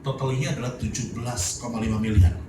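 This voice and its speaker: Male pastor preaching a story, playful and quick to laugh, mid-pitched voice, heard from a distance in a noisy, echoey church hall. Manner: lively, joking, laughs often. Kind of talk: storytelling sermon.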